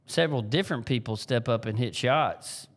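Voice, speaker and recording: A man, a girls' basketball coach talking in an easygoing, plainspoken way. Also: mid-range voice. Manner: easygoing, plainspoken, drawn-out explanations. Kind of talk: casual chat.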